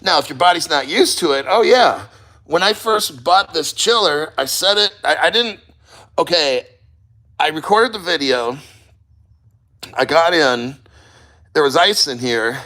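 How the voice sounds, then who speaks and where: A man's voice: fairly high pitch, sing-song, moderate pace, bright, forceful tone. A man talking casually and bluntly to the camera while sitting in ice cold water, rambling and swearing as he goes. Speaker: crypto podcast host.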